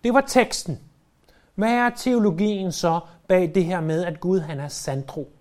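A man preaching a sermon who retells a story vividly and slows down to stress key words. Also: high voice, a little mellow.

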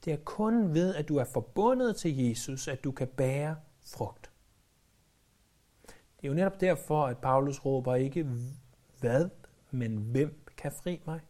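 A man's voice: a little high, darkish tone. A man preaching a sermon in an earnest, emphatic way, repeating key phrases for weight.

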